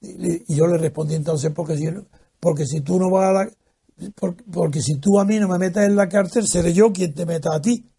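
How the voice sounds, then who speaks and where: Older man with a high, husky voice. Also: moderate pace. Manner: animated, acts out quoted voices. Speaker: interviewee. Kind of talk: storytelling recollection.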